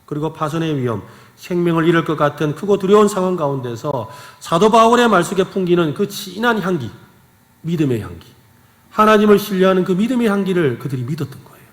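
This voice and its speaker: A man's voice: high voice, expressive, fast. A male pastor with a Gyeongsang accent, preaching a sermon and telling stories in an earnest way. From Gyeongsang region, South Korea. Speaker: senior pastor. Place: church sanctuary. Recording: echoey church hall.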